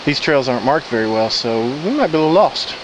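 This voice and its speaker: A man's voice: medium pitch, very animated, quick pace. Man vlogging casually over outdoor stream noise. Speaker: hiking vlogger. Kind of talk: casual, unscripted trail narration. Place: outdoors on a rocky riverside woodland trail. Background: stream and natural ambience.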